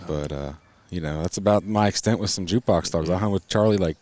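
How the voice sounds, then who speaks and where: Laid-back podcast guy, real deep voice, chill chatting, dry mic. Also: fast talker, a little mellow, no room sound. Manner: laid-back, brief agreeing replies. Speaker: podcast host. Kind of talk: casual chat.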